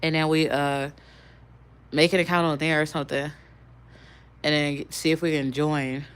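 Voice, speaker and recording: A woman's voice: low voice, flat delivery, moderate pace, clean tone. Rambling, chatty young woman on a livestream. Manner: rambling and chatty, talking to viewers; swears casually. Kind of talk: casual live-stream chat.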